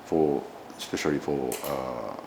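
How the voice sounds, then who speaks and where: Male interviewee, Japanese accent, extremely deep voice, slow hesitant delivery, formal diplomatic register, noisy recording. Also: gravelly. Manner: halting, hesitant, broken phrasing. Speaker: ambassador being interviewed.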